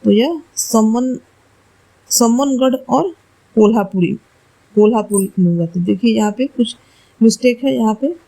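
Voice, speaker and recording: A woman's voice: a little high, a little slow, gravelly, pauses often, dark tone, low-quality recording. A woman teacher going through quiz questions and answers for exam study, explaining carefully and correcting herself aloud.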